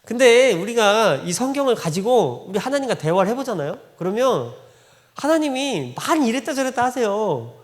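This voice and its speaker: Lively high-voiced man preaching in reverberant church. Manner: conversational storytelling, acting out quoted dialogue, frequent laughter. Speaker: pastor. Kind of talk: Sunday sermon. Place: church sanctuary. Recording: long reverb of a church hall.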